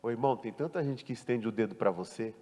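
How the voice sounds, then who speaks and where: A man pastor preaching a sermon, emphatic and full of rhetorical questions, swinging from loud to hushed. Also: mid-range voice, fast, big-room sound. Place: church.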